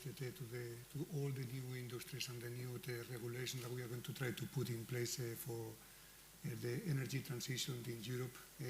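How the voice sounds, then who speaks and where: A man speaking on a panel in a halting way, with many "uh"s. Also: mid-range voice, reverberant, background noise. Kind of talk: panel discussion.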